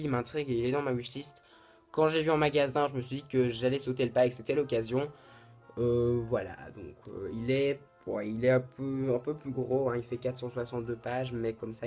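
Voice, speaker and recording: A man's voice: medium pitch, darkish tone. A man chatting to camera about books he bought, talking in a casual and hesitant way with many restarts. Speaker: booktuber. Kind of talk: casual book haul vlog.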